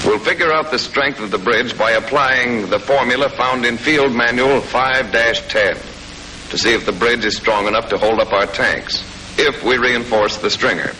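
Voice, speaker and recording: In the manner of a 1940s military training film narrator, an American man gives scripted, matter-of-fact instruction with folksy touches. His mid-range voice is bright and forceful at normal speed. The soundtrack is old and noisy, from the 1940s.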